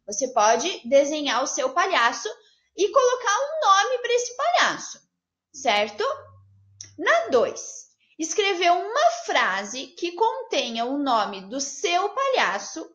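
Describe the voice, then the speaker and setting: A woman teaching young children, asking them questions in a slow, sing-song way. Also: very high voice, fairly bright tone, echoey room, dull audio. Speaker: primary school teacher. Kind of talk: online lesson for young children.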